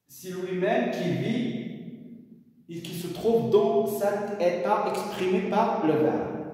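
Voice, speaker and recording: A man with a Moroccan accent teaching a grammar lesson to children, speaking deliberately and repeating key phrases. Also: sits high, mellow. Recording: echoey room, voice from a distance.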